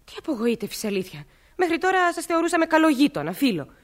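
A proud, stubborn young lady defending her family's land with indignation and biting sarcasm, as a woman acts her. Her high voice swings widely, in the manner of a stage comedy. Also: very animated. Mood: sarcastic. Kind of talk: stage play acting.

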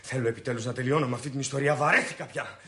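An actor playing a boastful, excitable husband who rants with swagger about the riches he expects. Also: mid-range voice, echoey room. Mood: bragging. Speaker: husband scheming to get rich.

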